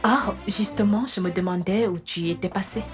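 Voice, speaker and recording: An actress dubbing a boastful wife who schemes to cover a lie, flustered and hushing, for a French film dub. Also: female voice, medium pitch, normal speed, music in the background, close to an everyday voice.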